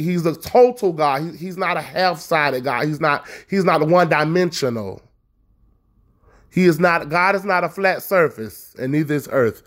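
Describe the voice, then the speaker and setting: A young man hosting a podcast, giving an informal devotional talk with earnest, conversational preaching and repeated exhortations. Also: a little high. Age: young adult. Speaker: podcast host, lay preacher.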